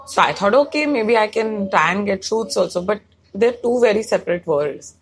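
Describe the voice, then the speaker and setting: Chatting casually, this young woman, a comedy writer who also does stand-up, rambles and slips from English into Hindi partway through sentences. She has a Bangalore Indian English accent and a medium-pitched, animated voice at a normal speed.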